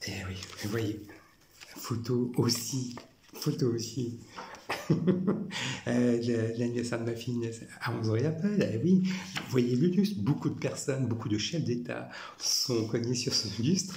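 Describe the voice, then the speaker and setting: A man's voice: mid-range voice, measured pace, pauses often, a little mellow, echoey room, a little hiss or hum. A man in his forties from France, talking through personal photos in a rambling, repetitive monologue. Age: 40s. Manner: repetitive, says "voilà" constantly.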